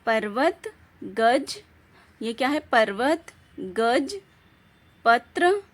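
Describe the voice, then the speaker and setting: A woman leads a classroom lesson at a very unhurried pace. Her voice sits fairly high, and she repeats each word and poses questions to her pupils as she goes. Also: sing-song. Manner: slow, deliberate, repeats words and asks questions to the class. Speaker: Hindi teacher.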